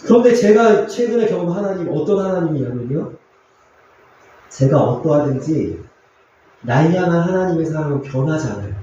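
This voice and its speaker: A man pastor preaching a sermon in a church, earnest and confessional, with pauses and fillers. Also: on the high side, lively intonation, dark tone, very echoey, muffled recording, slight background noise. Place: church sanctuary.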